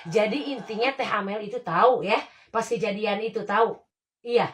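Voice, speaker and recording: A woman speaks in a middle-pitched voice as a healer talking to a patient. She asks spontaneous questions, echoes the answers and breaks off into murmured religious exclamations. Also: normal speed, a little hiss or hum. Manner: repeats words and pious exclamations.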